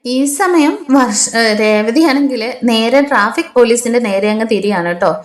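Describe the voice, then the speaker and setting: A woman's voice: fairly high pitch, moderate pace, roomy sound. A woman from Kerala with an Idukki Malayalam accent, chatting her way through a TV serial episode and quoting the characters in her own voice. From Kerala, India. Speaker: serial recap narrator.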